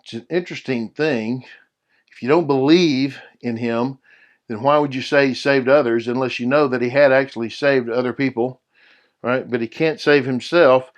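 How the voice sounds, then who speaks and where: A man's voice: mid-range voice, steady tone, normal speed. A middle-aged man teaching a Bible study lesson in a conversational way, often checking in with his listeners.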